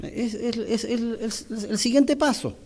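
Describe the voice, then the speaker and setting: Male preacher, high voice, church sermon, reads scripture, then explains slowly with pauses. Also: dark tone. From Chile.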